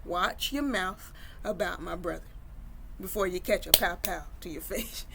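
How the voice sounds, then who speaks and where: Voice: medium pitch, a little slow, vocal fry, background noise. A narrator voicing a blunt man who warns others off his younger brother, in an oral story. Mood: stern. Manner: blunt, warning. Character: protective older brother, stern and blunt.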